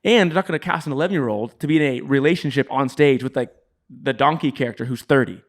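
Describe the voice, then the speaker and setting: A man's voice: mid-range voice, fast. A middle-aged man co-hosting a podcast in casual chat, explaining at length with many restarts. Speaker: podcast co-host.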